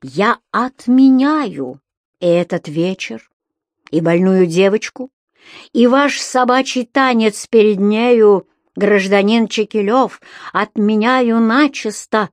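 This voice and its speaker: A woman reading an audiobook and voicing a weary male writer who speaks in a hushed, rustling voice with a slow, funereal solemnity. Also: medium pitch, no echo, natural voice. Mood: grim solemn.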